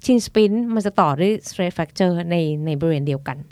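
A woman's voice: on the low side, expressive, normal speed, mellow, no room sound, clean studio sound. A woman doctor explaining injuries in casual chat, counting off points and giving examples. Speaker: doctor guest.

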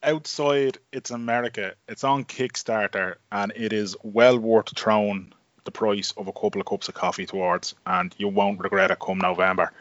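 Irish man, lowish pitch, bantering podcast chat, lo-fi recording, little room sound. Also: steady tone, normal speed, a bit bright, no room sound. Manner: bantering, sweary. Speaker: podcast co-host.

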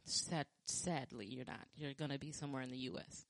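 A woman chatting casually about her dating experiences, rambling with frequent restarts and fillers, and acting out quoted lines with lively jumps in pitch. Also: fairly quick, creaky, no room sound. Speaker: podcast talker sharing dating stories. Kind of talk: casual chat.

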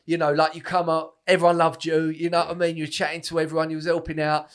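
A man with an Essex accent and a slightly raised pitch. He chats casually, telling anecdotes in loose, colloquial and sweary language, and acts out what people said. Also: monotone, fast, clear, resonant tone.

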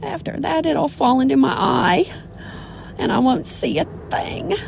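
A woman's voice: high voice, expressive, a little slow, gravelly, a little mellow, slight background noise. A woman delivering a dramatic, confiding monologue, with music and other sound behind her.

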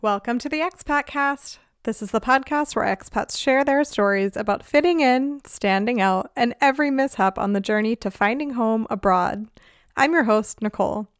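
A chatty, upbeat woman hosting her podcast, laughing now and then as she talks. Her voice sits a little high and comes through smooth and clear. The sound is dry and close, with no room around it. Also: moderate pace, no room sound, soft background music. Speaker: podcast host. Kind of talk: casual podcast talk. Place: lives in Germany.

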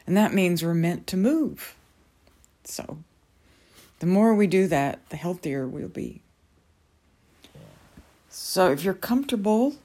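Female meditation guide, low register, very slow pacing, gentle and calming, lots of pauses. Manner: unhurried, pausing between short phrases.

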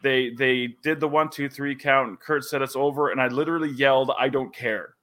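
Bright-voiced animated wrestling commentator man. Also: medium pitch, fairly quick. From Canada. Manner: animated storyteller, laughs often. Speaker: wrestling commentator, podcast guest. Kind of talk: casual podcast chat.

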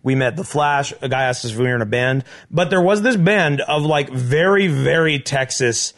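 A man's voice: mid-range voice, animated, moderate pace, fairly bright tone. A young man co-hosting a podcast live from a living room, telling a story in a rambling way full of fillers and restarts. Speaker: podcast co-host. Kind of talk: casual storytelling chat.

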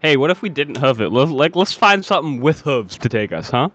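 A man playing in a tabletop game, excitable and joking, with frequent swearing. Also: medium pitch, brisk, slight background noise. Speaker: player. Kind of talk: casual tabletop game chat. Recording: dull lo-fi audio.

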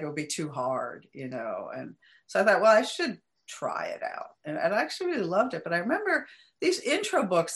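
A middle-aged woman speaks as an interview guest in a slightly low voice. She is chatty and easygoing, often laughing lightly and restarting her sentences. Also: a bit bright. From United States. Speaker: guest academic. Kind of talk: interview conversation.

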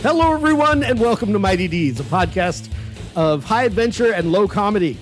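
A man's voice: high voice, expressive, a little fast, music in the background. A man hosting a podcast as game master, casually narrating and bantering.

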